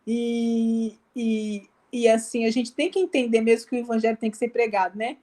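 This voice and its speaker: A woman's voice: fairly high pitch, steady tone, normal speed, warm tone. A missionary woman with a Brazilian Portuguese accent telling a testimony over a live video call, chatty and full of fillers, acting out the dialogue she quotes. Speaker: guest, missionary.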